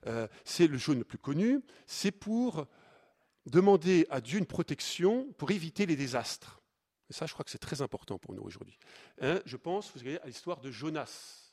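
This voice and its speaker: Gravelly lively priest teaching informally. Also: male voice, a little high, moderate pace. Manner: conversational, many fillers and restarts, reads scripture aloud more forcefully. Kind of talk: informal Lenten teaching to a retreat audience.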